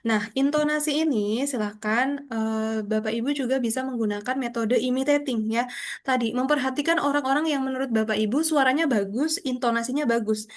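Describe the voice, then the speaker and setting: A woman's voice: high voice, fairly quick. A young woman lecturing a public speaking class over a video call, explaining patiently with frequent tag questions. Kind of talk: online class instruction.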